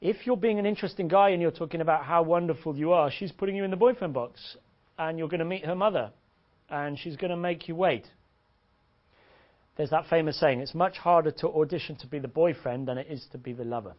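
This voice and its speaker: A man's voice: a little high, a little fast. A man giving a blunt, crude, joking seminar talk as a dating coach to a room of listeners. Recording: dull lo-fi audio.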